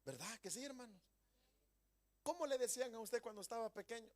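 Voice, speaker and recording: Male pastor, high voice, emphatic sermon delivery, rhetorical questions, folksy jokes. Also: animated, brisk, a little mellow. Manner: folksy humor. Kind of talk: Pentecostal sermon. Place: church.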